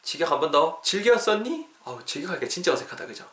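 Man, English lesson podcast host, slightly high voice, lively drills, roomy echo. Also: racing. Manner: lively, repeats drill phrases, playful skits.

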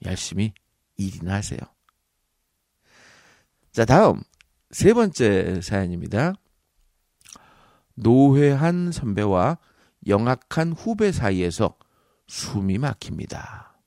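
A man hosts a comic speech-coaching podcast, teasing his listeners as he gives workplace advice. His pitch swings widely as he acts out little scenes. The close mic sounds dry, with no room around him. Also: very animated, takes it slowly, long pauses, a little mellow, no room sound. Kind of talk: comedic advice monologue.

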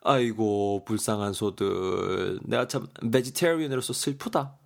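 A man's voice: fairly low pitch, unhurried, creaky. A man voicing a mournful young man who laments theatrically and wails over cattle. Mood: lamenting.

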